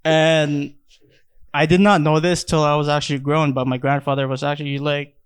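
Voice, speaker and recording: A young man from the Philippines chatting casually on a podcast, rambling and halting, swearing freely, close on a handheld mic. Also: a little high, level tone, clean tone, dry recording. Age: young adult. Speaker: podcast host. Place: small plain room, indoors. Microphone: handheld microphone held close.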